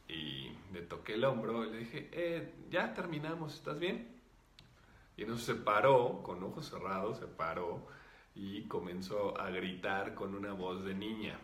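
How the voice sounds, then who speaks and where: Brief: spiritual teacher, relaxed explanatory chat, lowish voice. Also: male voice, measured pace, roomy sound. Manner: calm, explanatory, with many fillers. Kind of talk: casual talk answering viewer comments.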